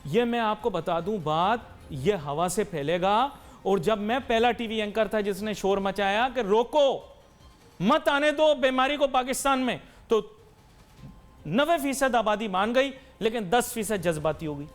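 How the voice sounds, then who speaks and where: A man's voice: high voice, measured pace, soft background music. A man hosting a TV talk show, delivering an emphatic, lecturing monologue to viewers and mixing in English phrases. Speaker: TV anchor and talk show host.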